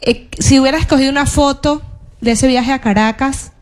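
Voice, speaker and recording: A woman's voice: high-pitched, brisk. A woman journalist with a Caribbean Spanish accent, asking a question at a public talk.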